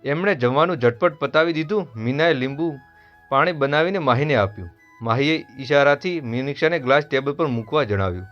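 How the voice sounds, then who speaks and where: A man's voice: a little high, lively intonation, brisk. Man telling a Gujarati family story. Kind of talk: scripted story narration. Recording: dull lo-fi voice over soft music.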